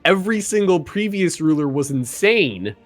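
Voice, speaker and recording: A man on a headset in voice chat with friends, animated and quick to laugh as he acts out his own lines. His voice sits a little high for a man. The sound is close and dry, with no room around it. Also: no echo, soft background music. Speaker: multiplayer game player. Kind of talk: casual voice-chat banter.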